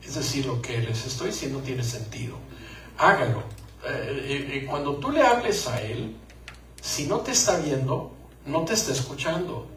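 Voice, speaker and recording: A man's voice: mid-range voice, expressive, normal speed, a bit bright, reverberant, far from the mic, a little hiss or hum, low-quality recording. A man gives a joking live talk to couples about marriage and acts out little scenes. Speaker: conference speaker on marriage.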